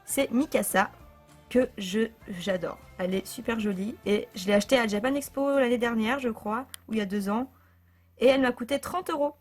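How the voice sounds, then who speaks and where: Chatty young woman with a fairly high voice. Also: moderate pace, soft background music. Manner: chatty, with hesitant fillers and self-corrections. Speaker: book vlogger. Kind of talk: casual bookshelf tour vlog.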